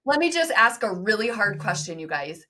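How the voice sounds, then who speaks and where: An energetic woman speaking as a podcast guest. She talks emphatically and directly, pressing her points to the audience with quick bursts. Her voice sits at an ordinary pitch for a woman. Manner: emphatic, direct, fast-talking, addresses listeners. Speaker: podcast guest, business co-founder. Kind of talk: energetic interview talk.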